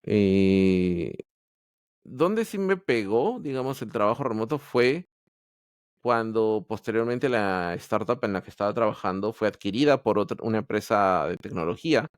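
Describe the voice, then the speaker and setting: With an animated, clean voice on the low side at normal speed, a man from Peru recounts his story as a podcast guest. He's an Android developer, speaking candidly yet hesitantly with repeated restarts in a casual interview, captured in a dry recording with clean studio sound.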